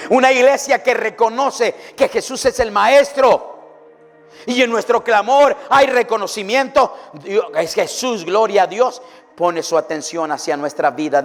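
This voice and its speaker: A man preaches a fervent sermon in a high, piercing voice, often breaking into shouts of praise. His voice rings through a church hall with a long reverb. Soft music plays faintly behind him. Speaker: pastor.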